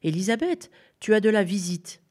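A woman voicing an eager little village boy who calls out quickly and excitedly, in a storybook reading. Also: deep voice.

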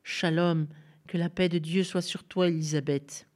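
Tender young woman in a storybook, soft hushed prayer-like recitation, low dark voice, as a woman reads her. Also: fairly even intonation, measured pace, close to an everyday voice. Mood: reverent.

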